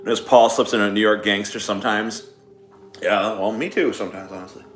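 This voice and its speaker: A man with a fairly low, steady voice hosts a casual stream, chatting briskly off the cuff in a rambling, profane way. The recording has a roomy echo, with music playing in the background.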